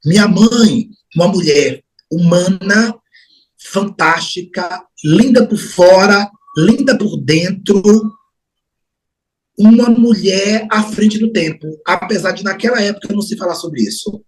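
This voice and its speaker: A middle-aged Brazilian man in an interview, recalling his family in an unhurried, reflective way, lingering on words and trailing off into soft asides. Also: high voice, poor audio. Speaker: interview guest. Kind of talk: reflective personal memories.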